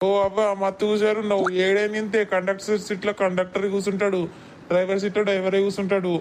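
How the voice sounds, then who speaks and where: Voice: medium pitch, fast, close to an everyday voice. A performer voicing a bossy male bus conductor with a Telangana accent in a cartoon comedy. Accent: Telangana Telugu. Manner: bossy, calling out, flat delivery. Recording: faint background noise.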